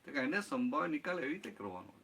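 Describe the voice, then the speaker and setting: A man's voice: a little high, big pitch swings, quick pace, gravelly, sharp tone. A man giving a satsang talk as spiritual teacher, explaining with everyday examples and often checking that listeners follow. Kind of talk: satsang talk answering a question.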